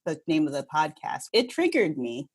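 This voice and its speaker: A woman host from Northern Kentucky, chatty and quick to laugh, asking long, winding questions in a podcast interview. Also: low-pitched, big pitch swings, husky. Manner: warm, chatty, laughs easily, asks long rambling questions.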